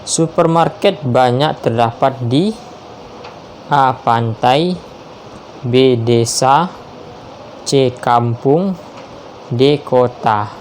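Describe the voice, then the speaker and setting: A man reads quiz questions one option at a time, his delivery slow and measured. His voice sits in a mid register, and each answer is confirmed with a short affirming word. A faint hiss runs under the recording. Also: mid-range voice, a little mellow. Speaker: teacher reading quiz questions.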